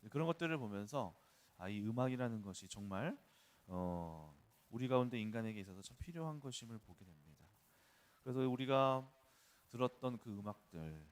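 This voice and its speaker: A man's voice: fairly low pitch, expressive, brisk. A male pastor preaching at an early-morning church service, talking in a conversational way and weaving in personal stories. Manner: conversational, storytelling with personal anecdotes. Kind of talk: dawn service sermon.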